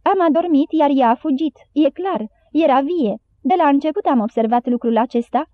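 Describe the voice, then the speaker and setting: Fretful old doctor in a storybook reading , done by a woman, pitched up, thin tinny sound. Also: no room sound, close to an everyday voice. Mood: excited. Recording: dry, tinny phone-like sound.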